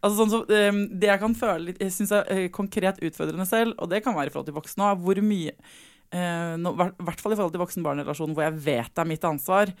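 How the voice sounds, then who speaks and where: Candid, laughing mother host. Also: on the low side. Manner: candid, animated storyteller, laughs often. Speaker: podcast host and parent. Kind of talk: casual chat, personal anecdotes.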